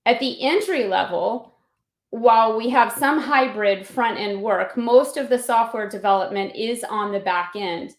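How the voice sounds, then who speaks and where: A higher-voiced woman delivers a scripted recruiting presentation with a polished, salesy recruiter manner. The sound is roomy, with noticeable echo around her words. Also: measured pace. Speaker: company recruiter giving a pitch. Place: indoor room on an online video call.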